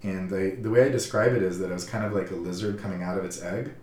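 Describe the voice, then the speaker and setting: Calm male counselor, low voice, reflective and halting; roomy, slightly distant sound. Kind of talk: casual personal storytelling.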